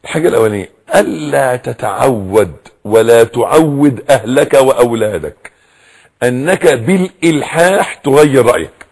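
A man with an Egyptian Arabic accent giving a religious lecture on raising children. He is animated, acts out quoted voices and repeats words for emphasis. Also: medium pitch, moderate pace, gravelly, breathy edge. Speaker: preacher.

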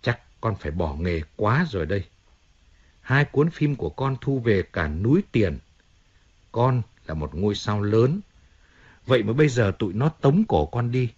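A man's voice: lowish voice, sing-song, normal speed, darkish tone, slightly rough, dull audio. A man voicing a self-pitying middle-aged male singer who complains and pleads emotionally, in an audiobook reading. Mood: despairing.

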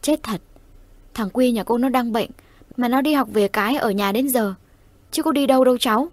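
Woman reading a flustered middle-aged village mother, higher and sharper than the narration. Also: moderate pace, no room sound, natural voice. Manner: flustered, exclaiming.

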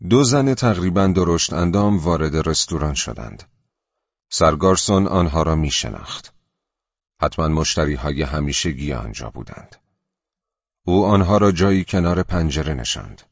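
A man reading a literary novel aloud as an audiobook narrator, calm and measured. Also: extremely low pitch, dry recording, dull audio.

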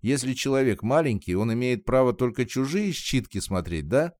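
A man reading an audiobook voices a small, excitable young woman, lifting his voice higher. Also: normal speed, no room sound, clean studio sound, close to an everyday voice. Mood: sulky. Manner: eager, raised pitch.

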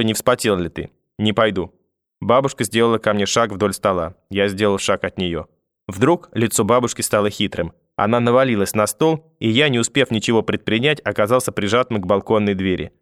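A man reading a novel aloud in a steady first-person narration. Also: fairly low pitch, no echo, clean studio sound. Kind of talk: literary audiobook reading.

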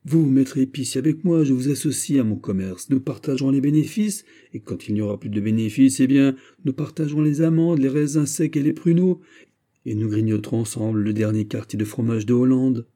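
A man voicing a timid, excitable grocer who frets and gushes in a storybook reading. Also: medium pitch, fairly quick, voice pushed up, natural voice. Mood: fretful, overjoyed. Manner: fretful, fussing, easily overwhelmed. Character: timid excitable shopkeeper, a grocer and former servant.

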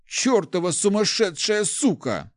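Rough and swaggering, a man plays a bullying young noble bridegroom from a storybook, shouting his lines with a high, swinging, lively voice. Every word lands dry and close, with no room around it. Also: measured pace, dry recording. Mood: enraged. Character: brutish hot-tempered young nobleman, bridegroom. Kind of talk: audiobook character voice.

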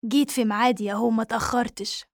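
A woman's voice: on the high side, fairly even intonation, fast, creaky, dry recording, clean studio sound. Sherif, an anxious businessman, as a woman reads him. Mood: eager. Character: anxious male businessman, pleading and indignant.

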